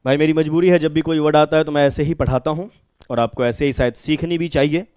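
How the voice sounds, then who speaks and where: A man's voice: on the high side, fairly even intonation, fast, darkish tone, clear, resonant tone, dry recording, studio quality. A man with a Bihari accent teaching an exam-prep vocabulary lesson. He explains step by step, asking questions and answering them himself.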